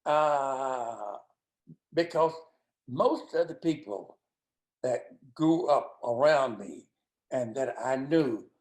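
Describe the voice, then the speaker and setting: A man in his nineties, a guest in a casual interview, speaking haltingly and stammering through restarts. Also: medium pitch, animated, darkish tone. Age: 90s. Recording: echoey room.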